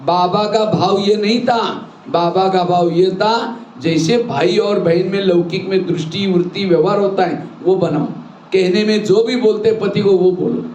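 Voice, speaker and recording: In an echoey hall with faint noise, a man with a high-sitting, steady, somewhat mellow voice speaks unhurriedly as he gives a sermon to a spiritual class. He explains the rules using everyday examples and rhetorical questions.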